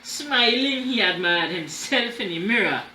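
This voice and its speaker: A storytime host with a voice that sits high reads a children's story aloud, animated and deliberate, adding explanatory asides and checking in with his listeners. The room has a roomy echo and faint background noise.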